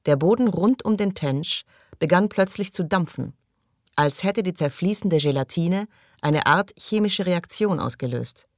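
A man narrating a science-fiction audiobook in a measured reading style, dropping quieter at tense moments. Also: sits high, expressive, dry recording, clean studio sound. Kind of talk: scripted narration.

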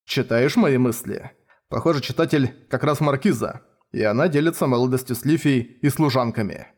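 A man reading a calm thoughtful young man. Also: medium pitch, natural voice. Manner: calm, measured.

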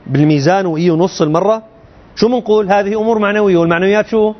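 A man's voice: sits high, rapid-fire, highs cut off. A man teaching a religious text to students, often firing rhetorical questions at them in a colloquial way. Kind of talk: explaining a creed text to students.

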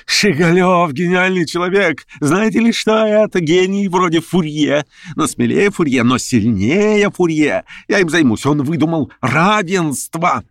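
A man voicing a frantic, feverish young male conspirator who pleads in a high, breathless rush. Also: lively intonation, a little slow, few pauses, no echo, clean studio sound. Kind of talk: audiobook character reading.

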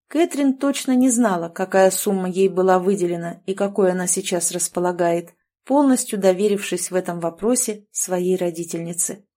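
A woman reading a first-person novel aloud in a steady, measured narration. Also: mid-range voice. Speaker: audiobook narrator.

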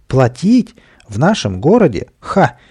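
A man's voice: medium pitch, huge pitch swings, a little slow, darkish tone, breathy edge, heavily acted. A man voicing a tiny, scruffy, boastful and cowardly male creature in a storybook reading, with a bratty, whining manner. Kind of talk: storybook character voice.

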